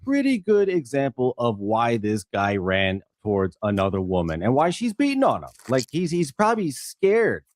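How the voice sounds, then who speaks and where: A man's voice: mid-range voice, wildly swooping pitch, moderate pace, few pauses, dry recording. A man on a reaction stream giving opinionated, speculative commentary on a clip.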